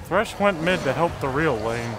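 An excitable young man jokes crudely and yells at his team while he plays. His voice sits high and leaps all over the place, and game music plays clearly underneath. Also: normal speed. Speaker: gaming video host. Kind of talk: casual gaming chat.

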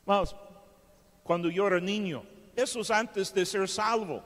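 A man preaching a sermon as pastor, emphatic, swinging from loud to hushed. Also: sits high, measured pace, long reverb tail. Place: church hall.

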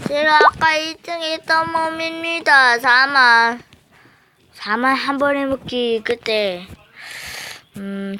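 A woman's voice: on the high side, pushed and bright. A woman chatting playfully while commenting on a mobile game she is playing. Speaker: gamer. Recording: noisy phone recording.

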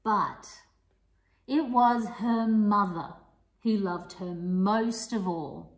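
A woman reading a picture book aloud to young children, playful and expressive, with sing-song rhymes and the odd whisper. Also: mid-range voice, extremely slow. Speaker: children's storyteller and teacher. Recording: echoey room.

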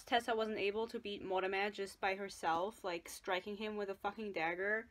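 A woman's voice: mid-range voice, a bit bright. A young woman giving a casual, exasperated and emphatic book reaction vlog from her bed, recorded at about arm's length. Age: young adult. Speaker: book vlogger. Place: bedroom, lying or propped on bed.

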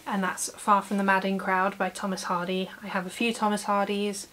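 At a moderate pace and a level tone, a British woman in her late twenties talks casually to camera about books from a small home room with bookshelves. Her voice is mid-range and a bit bright. The recording is low quality, with obvious background hiss.

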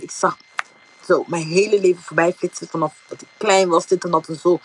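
A woman's voice: lowish voice, husky. A young woman from the Netherlands telling a personal faith testimony in a casual, rambling way, with many fillers. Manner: informal, many fillers like "zeg maar", retells thoughts as quotes. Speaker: giving a testimony.

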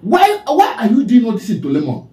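A man's voice: extremely high pitch, wildly swooping pitch, moderate pace, mellow, roomy sound, rough recording. A man with a Nigerian accent delivering a preachy, scolding commentary, repeatedly calling out the person he addresses. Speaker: online commentator.

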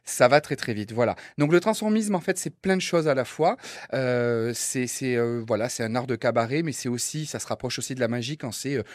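A man's voice: mid-range voice, a little fast, no echo. A man guesting on a radio interview over a studio mic, a cabaret singer explaining his art earnestly with many hesitations. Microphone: studio microphone.

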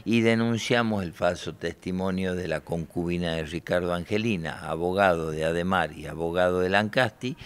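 A man's voice: low-pitched, fairly bright tone. A man in his forties from Argentina, a lawyer answering press questions in a combative, indignant way, with handheld reporter mics held close. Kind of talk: press interview. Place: bright room by large windows.

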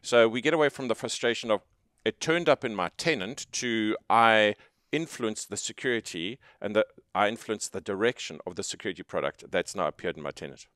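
Male podcast co-host, low voice, enthusiastic, dry headset sound. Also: expressive, brisk, fairly bright tone, dry recording. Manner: jokey, enthusiastic. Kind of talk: casual interview chat. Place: conference room with windows. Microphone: headset mic.

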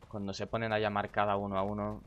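A young man commentates his game at a home computer, rattling off casual, profane asides and greetings to chat. His voice sits on the low side. Faint background noise and keyboard clicks come through the mic. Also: monotone, quick pace, muffled recording. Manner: chatty and profane, muttering to himself and greeting chat viewers. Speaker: gaming streamer. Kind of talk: casual live-stream commentary.

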